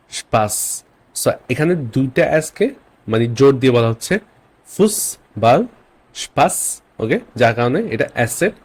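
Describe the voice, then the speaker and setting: A man teaching a beginner language lesson, who says each example word slowly, repeats it and often checks in with an "okay?". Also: mid-range voice, darkish tone.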